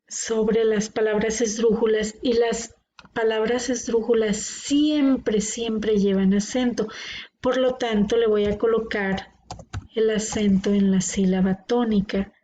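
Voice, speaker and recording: This is a classroom grammar explanation from a woman whose voice sits in the mid range and sounds warm. She takes her time breaking words into syllables, patient throughout, on a dull lo-fi recording carrying faint noise.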